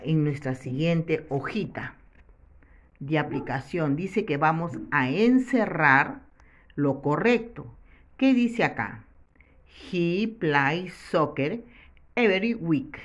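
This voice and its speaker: Female teacher, deliberate repeat-and-translate delivery, low voice, muffled audio. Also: darkish tone. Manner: repeats each word then translates it. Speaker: English teacher. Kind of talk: slow, patient classroom instruction. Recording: muffled lo-fi recording.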